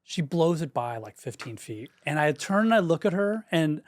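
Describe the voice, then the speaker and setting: Man with a higher voice, emphatic storytelling. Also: moderate pace, dry recording, studio quality. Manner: animated, emphatic storyteller who swears freely. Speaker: podcast co-host; golf parent. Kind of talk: casual storytelling chat.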